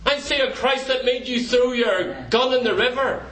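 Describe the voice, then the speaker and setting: High-voiced fervent preacher man, echoey church. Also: moderate pace, fairly bright tone. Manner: fervent, emphatic, repetitive preaching. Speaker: pastor. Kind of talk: sermon. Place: church sanctuary. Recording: echoey hall, distant mic.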